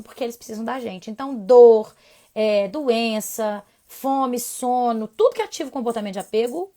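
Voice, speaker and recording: A woman, a child sleep doctor chatting casually through a live Q&A, animated and talkative. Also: fairly high pitch. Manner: animated, chatty, swinging between soft asides and emphatic bursts. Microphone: phone mic on a social media live stream.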